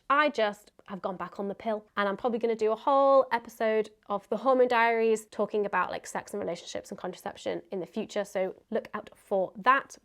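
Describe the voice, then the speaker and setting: A woman's voice: a little high, a bit bright. A woman hosting a casual question-and-answer vlog, talking candidly and conversationally as if thinking aloud. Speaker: video host answering viewer questions.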